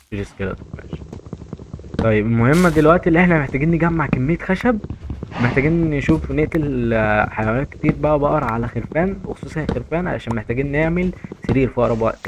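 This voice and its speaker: This is a young man with an Egyptian accent giving casual commentary on his own gameplay. He talks fast and chatty, often repeating phrases to his viewers. Rain and clicking sounds come through clearly in the recording. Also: medium pitch, noisy background. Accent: Egyptian Arabic. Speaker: gaming YouTuber.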